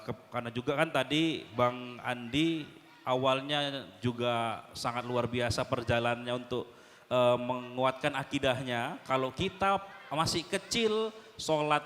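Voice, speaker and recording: A man's voice: medium pitch, a bit bright, a little hiss or hum. Male moderator, chatty with fillers, reverberant hall. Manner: chatty, many fillers, brisk asides. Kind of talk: casual talk show moderating. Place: mosque hall.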